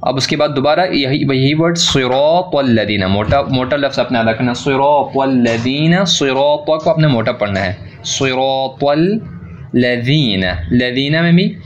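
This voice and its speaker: A man giving a recitation pronunciation lesson, slowly stretching out words to demonstrate sounds and contrasting right and wrong forms. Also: mid-range voice, lively intonation, muffled recording, slight background noise. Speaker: Quran recitation teacher.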